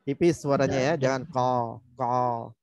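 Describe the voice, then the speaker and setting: Male recitation teacher, mid-pitched, patient, repeats sounds, dry close mic. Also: moderate pace, a little mellow, dry recording, highs cut off. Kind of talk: online tajwid lesson.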